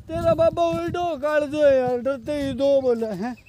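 A man's voice: extremely high pitch, level tone, a little slow. A man with a Rajasthani accent acting a bossy, boastful elder brother who eggs on a timid man in a village comedy skit. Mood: urging, boastful. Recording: noisy outdoor village recording.

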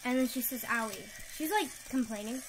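A woman's voice: high voice, animated, normal speed. A young woman vlogger chatting casually, saying "like" a lot, with a headache. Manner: chatty, lots of "like", drops to whispers. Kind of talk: casual chat. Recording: noisy home recording.

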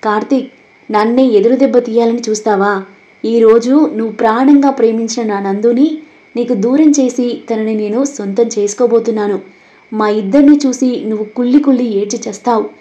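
A man's voice: very high voice, normal speed, warm tone, lo-fi sound. A woman voicing a scheming, possessive young man who plays the villain in a storybook drama, menacing in tone. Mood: gloating.

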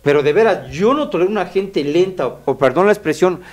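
A man's voice: high voice, lively intonation, fairly quick, a little mellow. A man with a Mexican Spanish accent co-hosting a radio talk show, speaking candidly and bluntly about himself and laughing often. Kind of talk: casual radio chat.

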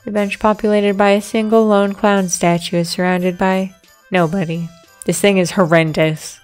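A woman's voice: mid-range voice, fairly even intonation, moderate pace, darkish tone. A woman narrates a story game aloud and drops in casual asides of her own. Music plays behind the voice.

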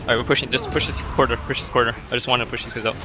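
A man's voice: medium pitch, flat delivery, very fast, music in the background. A man in casual voice chat while gaming, urging his teammates on and repeating himself. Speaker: gamer in voice chat. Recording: noisy voice-chat line.

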